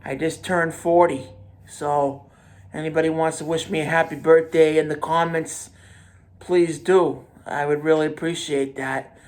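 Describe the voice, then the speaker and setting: A man of forty hosting his own podcast, talking in a halting, repetitive way with many restarts and fillers. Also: on the high side, flat delivery, darkish tone. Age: 40s. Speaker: podcast host. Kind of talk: casual monologue.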